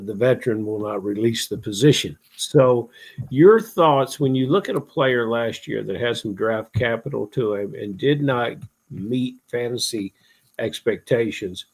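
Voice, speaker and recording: A man co-hosting a fantasy football podcast, asking long, drawn-out questions in casual chat. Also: medium pitch, darkish tone, poor audio. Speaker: podcast co-host.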